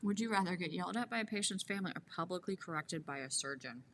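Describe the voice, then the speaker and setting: A woman with a very low voice reads out questions and chats as a podcast co-host. She answers bluntly and jokes a lot. Faint background noise runs under her voice. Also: expressive, fast talker, fairly bright tone. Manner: blunt, joking, asks the questions. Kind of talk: casual chat.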